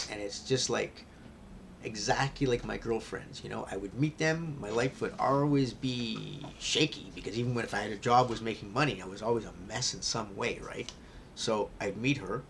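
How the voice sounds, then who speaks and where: Man, vlogger, rambling confessional talk, mid pitch, faint rumble in the background. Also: creaky. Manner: rambling, restarts often, swings from muttering to loud excitement. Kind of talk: confessional vlog.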